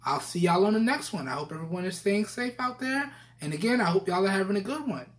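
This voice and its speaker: A man's voice: high voice, lively intonation, fast talker. A man casually presenting a tech review video, his voice recorded through the built-in microphones of Bluetooth earbuds and often checking in with viewers. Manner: chatty, addresses viewers, keeps checking in with "all right?". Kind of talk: casual product-test vlog.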